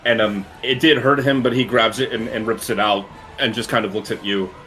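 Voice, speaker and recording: A man narrating a tabletop game as game master, telling the story in a halting, descriptive way. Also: fairly low pitch, fairly even intonation, pushed and bright, slight background noise, low-quality recording. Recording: faint music behind. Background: music.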